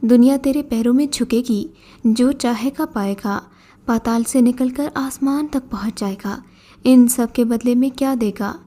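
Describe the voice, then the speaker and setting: A woman's voice: fairly high pitch, mellow, close to an everyday voice. Woman narrating a scornful old jinn beggar. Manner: scornful, commanding. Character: mocking old male jinn posing as a beggar.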